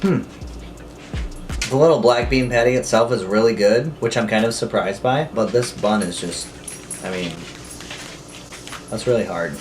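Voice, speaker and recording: A man's voice: fairly low pitch, moderate pace, faint music behind. A man hosting a casual food review, talking informally to camera and often asking himself questions as he goes. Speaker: host of a food review video. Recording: clearly noisy home recording.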